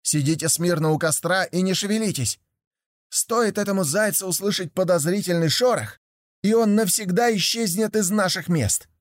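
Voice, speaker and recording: Man playing a sly trickster hare, high voice, smooth, mock-polite, storybook, dry recording. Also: moderate pace, dry recording, natural voice. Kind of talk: storybook reading.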